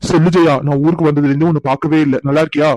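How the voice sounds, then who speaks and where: A man's voice: on the high side, level tone, racing, dark tone, no echo, natural voice. A man voicing several middle-aged brothers in a cartoon, pleading and emotional as they ask their sister for forgiveness. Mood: warm. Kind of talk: cartoon voice acting.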